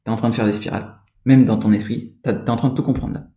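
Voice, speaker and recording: A man's voice: lowish voice, fairly even intonation, quick pace, dark tone, reverberant. A man giving an informal spoken lesson on energy and chakras, rambling and addressing the listener directly. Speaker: spiritual energy instructor.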